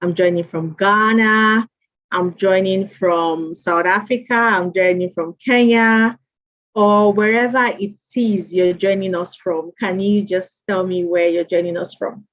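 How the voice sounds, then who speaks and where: A woman's mid-range, fairly bright voice moves unhurriedly and with fairly even intonation. She runs an online mentorship session, chatting, reading names aloud, and repeating welcomes, heard through dull lo-fi stream audio.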